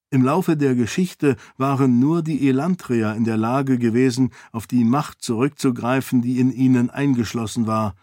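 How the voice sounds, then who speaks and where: A man narrates a novel in a measured, even reading voice of middle pitch. He is recorded close on a studio mic in a dead, dry room with no reverb. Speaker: audiobook narrator. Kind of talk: scripted narration.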